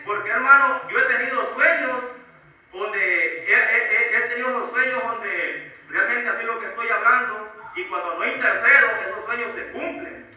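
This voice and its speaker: A man's voice: high-pitched, bright, forceful tone. A man in his thirties giving a fervent preaching testimony in church, often asking "¿verdad?" and calling people "hermano". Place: church sanctuary. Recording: echoey church hall from far off.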